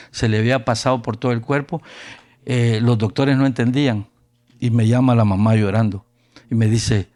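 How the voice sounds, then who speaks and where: A man from Honduras with a Honduran Spanish accent, preaching a storytelling sermon at a youth camp and acting out the people he quotes. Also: mid-range voice. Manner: animated, acts out quoted voices.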